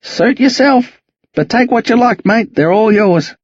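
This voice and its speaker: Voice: medium pitch, animated, measured pace, dry recording, lo-fi sound, voice pushed up. A reader voicing a friendly, chatty older country man with a broad, slangy drawl. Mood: easygoing.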